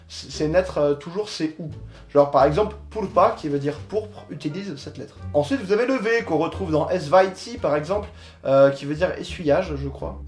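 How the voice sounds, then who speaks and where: A young man talks through a casual explainer in a relaxed, slangy way, pausing often on fillers. His voice sits a little high. The room is echoey, with faint music playing underneath. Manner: laid-back, slangy, many filler pauses. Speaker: host of a micronation channel.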